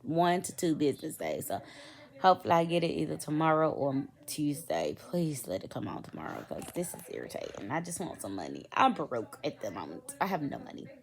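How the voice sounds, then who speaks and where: A woman's voice: sits low, big pitch swings, brisk, gravelly. A middle-aged woman, venting in a rambling, sleepy casual storytime vlog. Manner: rambling, venting, lots of fillers. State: sleepy, yawning. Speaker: vlogger.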